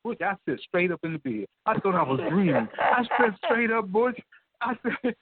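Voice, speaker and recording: Older guy telling a story on a phone line, high lively voice, repeats stuff. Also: moderate pace, background noise. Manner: animated, repetitive, folksy, speaks directly to the listener. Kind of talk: excited storytelling. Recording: dry, tinny phone line.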